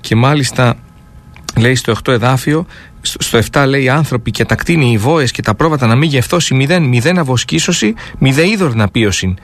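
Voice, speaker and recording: A man on a radio Bible discussion, speaking earnestly and reading scripture verses aloud. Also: mid-range voice.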